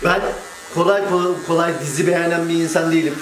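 A man's voice: on the high side, fairly even intonation, quick pace, fairly bright tone, a little hiss or hum. A young man with a sniffly cold, chatting casually and jokingly as a barber hosting a vlog. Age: young adult. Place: indoor barbershop. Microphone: camera a few steps away. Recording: echoey room, distant mic, music behind.

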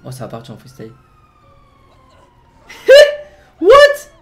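A man hosting a gaming video, giving playful commentary and jokingly barking commands as a team leader, excitable and joking. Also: fairly high pitch, a little fast. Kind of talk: playful game commentary with role-play commands.

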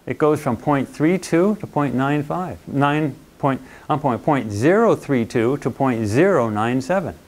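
A man's voice: mid-range voice, animated, measured pace, hardly any pauses, darkish tone. Chatty man lecturing a university class. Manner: conversational, checks in with students often; playful, acts out little quoted voices.

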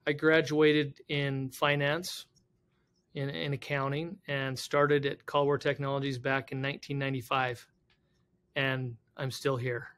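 A man's voice: mid-range voice, measured pace, clean tone. A man in his fifties, a company CEO telling stories as a podcast guest. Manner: animated storyteller, acts out quoted people. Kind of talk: casual interview storytelling.

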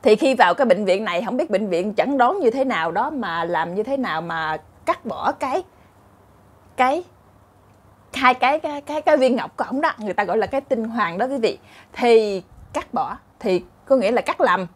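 A woman's voice: on the high side, lively intonation, moderate pace, breathy edge. A woman with a Southern Vietnamese accent telling funny short stories in a chatty way, laughing often and acting out characters. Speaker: storyteller host. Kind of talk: casual comic storytelling.

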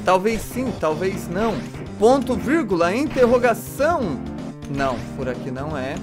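A man doing let's play commentary, excitable, yelping and shrieking in panic as he plays. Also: sits high, moderate pace, music in the background. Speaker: gamer.

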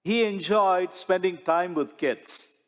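This middle-aged priest preaches slowly and deliberately, using rhetorical questions and gestures in a measured sermon. His voice is a little high for a man and fairly bright. He wears a lapel mic in a large sanctuary, where a long church reverb follows each phrase.

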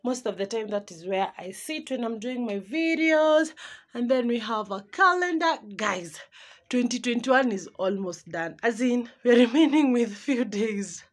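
Speaking unhurriedly with a slightly high voice and lively intonation, a woman in her twenties records a home vlog in a small room. She has a Kenyan accent, chats in a casual, animated way, and sometimes switches into Swahili while searching for words.

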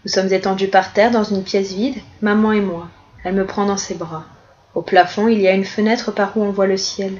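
A woman reading the opening pages of a novel aloud in a calm, even storytelling manner, in slightly dull audio. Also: mid-range voice, normal speed. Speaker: reader.

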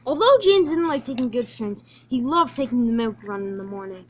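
A woman's voice: on the high side, lively intonation, brisk, a little hiss or hum. A woman narrating a homemade story about toy trains, with loose, stumbling restarts. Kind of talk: amateur fan story narration.

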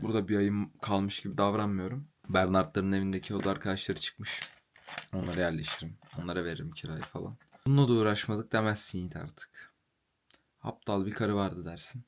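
Fast-talking heated young man venting. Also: on the low side. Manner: fast, heated, swearing freely. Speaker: vlogger. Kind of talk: casual venting monologue.

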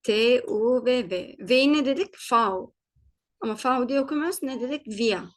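A woman teaching German pronunciation in a patient spoken lesson, repeating each word slowly, checking in often, and fixing her own slips as she goes. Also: high voice.

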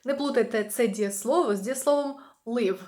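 A young woman from Ukraine, a native Ukrainian speaker, teaching English vocabulary in a lesson, slowing down to model each phrase clearly. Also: fairly high pitch, dark tone. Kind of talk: language lesson.

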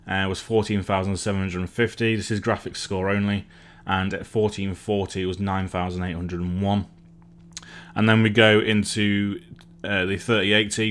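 A man doing a casual benchmark review as a tech channel host, hesitant and full of ums and restarts. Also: low-pitched.

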